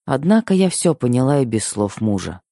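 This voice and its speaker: A man reading a first-person novel aloud as an audiobook narrator, in steady storytelling. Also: mid-range voice, normal speed, vocal fry, dry recording, studio quality.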